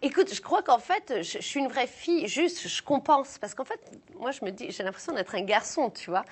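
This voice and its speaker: A woman's voice: sits high, lively intonation, moderate pace, slightly rough. A young woman comedian from the south of France, chatting casually and self-mockingly in an interview, with lots of fillers and restarts. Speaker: comedian guest.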